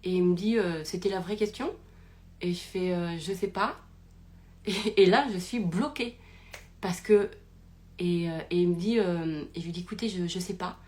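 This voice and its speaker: A woman's voice: fairly low pitch, normal speed, a little mellow. A young woman telling a personal story in a casual, rambling way, with many fillers and restarts, recorded live on a phone. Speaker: podcast host.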